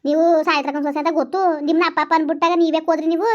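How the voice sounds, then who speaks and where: A woman putting on a bossy village neighbor in a comedy skit, firmly hushing and lecturing. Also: extremely high pitch, steady tone, very fast, highs cut off, voice pushed down.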